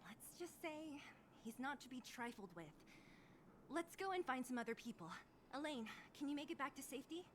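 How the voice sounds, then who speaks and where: A woman voicing a brisk young woman leading a rescue in a video game, firm and dry. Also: sits high, animated, background noise. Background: game music.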